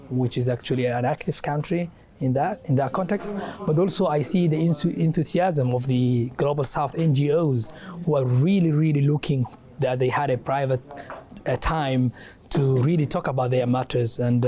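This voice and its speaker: A young man from Somalia speaks as an interview guest, his voice mellow and warm. He talks haltingly, filling pauses with "um" and "uh" and restarting his phrases often. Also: medium pitch, fairly even intonation. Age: young adult. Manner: halting, many fillers and restarts. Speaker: guest, adviser and academic. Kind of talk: interview answer.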